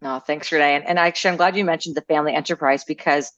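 Low-voiced woman hosting a podcast panel. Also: steady tone, very fast, fairly bright tone, no echo, highs cut off. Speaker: admissions team host.

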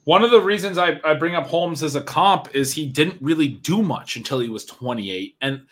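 A man hosting a fantasy football podcast, talking quickly and chattily in a casual sports conversation and laughing easily. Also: fairly high pitch, expressive.

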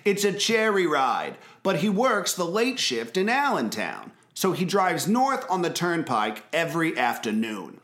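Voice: mid-range voice, very animated, a little slow, few pauses, fairly bright tone. A performer playing a jovial, folksy male car-advice radio host, bantering chummily in a comedy radio sketch. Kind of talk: parody radio call-in banter.

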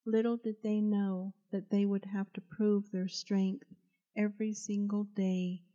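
Female audiobook narrator, slow and steady, warm mellow tone, muffled lo-fi sound. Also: mid-range voice. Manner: measured, steady storytelling. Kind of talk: audiobook narration of a historical novel.

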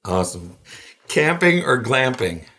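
A man's voice: medium pitch, big pitch swings, measured pace. A man in his forties hosting a podcast, chatting casually with friends, laughing and restarting his sentences. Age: 40s. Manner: warm, laughing, hesitant restarts. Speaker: podcast host. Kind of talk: casual chat.

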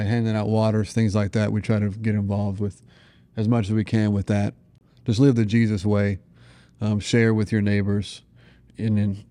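Speaking casually and earnestly as a parent, this American man in his thirties gives family testimony and keeps saying "you know." He has a lowish voice with a dark tone.

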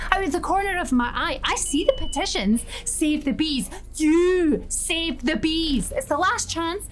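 Woman acting as a Scottish nurse, middle-aged, sardonic, swearing, loud and carrying, high voice, audio drama. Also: slight background noise. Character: fed-up foul-mouthed female nurse, middle-aged.

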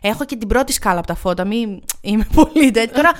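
Thirtyish woman spinning a funny story on a podcast, high voice, lively and self-mocking. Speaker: podcast co-host. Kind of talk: casual storytelling chat.

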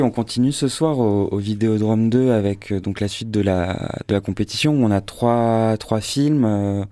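A man's voice: on the low side, no echo. A man who programs a film festival, a guest on a live radio show, talking casually with lots of fillers and restarts. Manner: hesitant, many fillers and restarts, relaxed. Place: radio studio.

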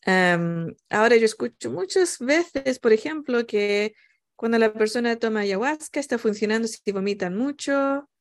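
A woman's voice: on the high side, lively intonation, moderate pace. A woman in casual, reflective discussion who often searches for words and drops in bits of English. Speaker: panel participant.

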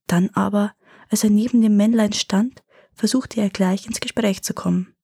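Woman, fairy tale reading, gentle measured narration, mellow, slightly husky, dry close sound. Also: mid-range voice, fairly even intonation, dry recording. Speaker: storyteller.

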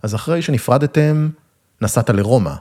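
A man's voice: low-pitched, expressive, darkish tone. A man voicing a young police investigator who questions in a dry, impatient way. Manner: dry, interrogating.

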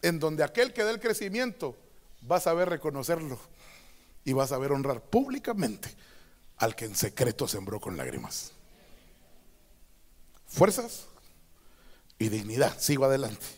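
A man preaching a sermon as a pastor, switching between quiet teaching and loud, drawn-out proclamations. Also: mid-range voice, very animated. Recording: long hall reverb.

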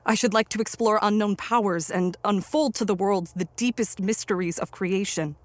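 A woman's voice: mid-range voice, normal speed, no echo, close to an everyday voice. A woman playing Victor, an ambitious, obsessive young male scientist in a radio play, with formal, theatrical, impassioned diction. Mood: earnest, formal. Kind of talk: dramatic radio play narration and acting.

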